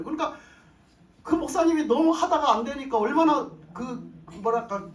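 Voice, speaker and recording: A male pastor telling a testimony in his sermon, in an animated, emotional way. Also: very high-pitched. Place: church sanctuary. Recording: roomy echo, mic at a distance.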